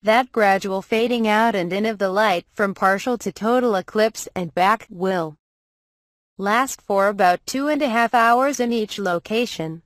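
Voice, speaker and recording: A woman giving a measured, scripted news narration as a voice-over. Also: medium pitch, no room sound.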